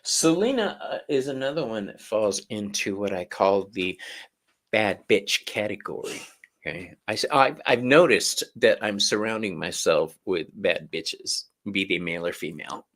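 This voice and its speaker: Low, lively-voiced tarot reader. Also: male voice, normal speed. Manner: chatty, swears freely. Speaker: tarot reader, stream co-host. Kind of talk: casual live-stream tarot reading.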